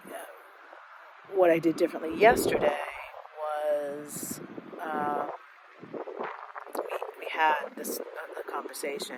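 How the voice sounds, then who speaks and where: Woman host, middle-aged, reflective solo talk, halting and candid, street noise in the background. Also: low voice. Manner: candid, halting, many fillers and restarts. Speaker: podcast host. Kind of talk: personal reflective monologue.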